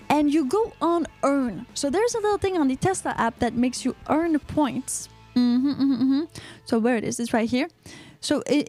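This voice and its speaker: Hosting a casual livestream podcast, a Québécois woman from Quebec, Canada, chats her way through the live chat, repeating words as she reads comments aloud. She has a high-pitched voice with a darkish tone, and the recording is dry.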